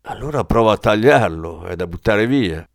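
A man voicing a cunning male gangster boss in an audiobook, calm and scheming. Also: fairly low pitch, moderate pace, gravelly, no echo, clean studio sound.

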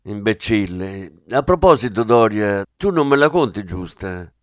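A blunt, brusque police commissioner, as a male narrator reads him, cutting in with lively swings of pitch. The voice sits close and dry, with no room around it. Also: a little slow, no echo. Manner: brusque, swearing.

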